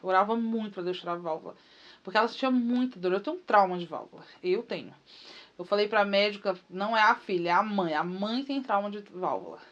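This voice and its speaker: A woman, a mother telling the story of her daughter's surgery in a personal vlog, emotional and repeating herself with many pauses. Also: mid-range voice, a bit bright, dull audio.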